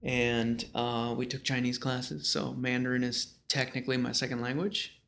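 A man in his thirties from small-town western New York, appearing as a guest, spins loose, slangy, conversational stories. His voice is medium in pitch, level, a bit bright and creaky with vocal fry, delivered at normal speed, and the recording has a little hiss or hum.

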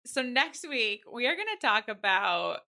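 Bright gravelly-voiced woman co-host. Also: a little high, sing-song, unhurried. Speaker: podcast co-host. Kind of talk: casual chat.

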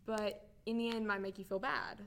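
A woman's voice: medium pitch, level tone, moderate pace, vocal fry, fairly bright tone, slight background noise. A woman in a group discussion adding her own view in a thoughtful, hesitant way. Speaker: discussion participant. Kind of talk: casual chat.

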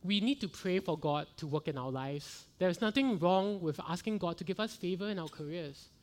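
A man's voice: high voice, expressive, moderate pace. A middle-aged male pastor preaching a sermon, earnest and building to fervent rhetorical questions.

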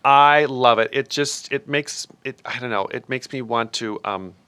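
A man speaks as a campy drag queen podcast hostess. His voice is bright and theatrical, with a mid-range pitch. The chat is casual and comic, recorded dry. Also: a little slow, dry recording.

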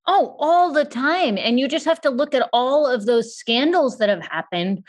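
A woman from the United States with a New York accent, hosting a podcast in quick, animated casual conversation and laughing often. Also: high-pitched. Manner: fast, animated talker who laughs often. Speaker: podcast host.

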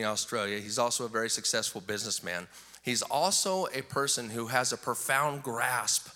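A male pastor preaching an animated, enthusiastic sermon, often repeating words as he gets excited. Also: mid-range voice, long reverb tail.

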